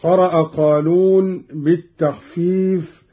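A man giving a measured, deliberate lesson on Quran reading, chanting the verses he quotes. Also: a little high, steady tone, husky. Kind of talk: slow explanatory lesson with recited verses. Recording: dull lo-fi recording.

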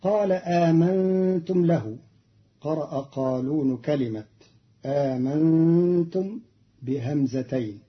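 A man teaching the variant Quranic readings, explaining each one in a measured way and chanting the quoted verses slowly. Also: a little high, lo-fi sound. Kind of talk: scripted lesson on Quranic readings.

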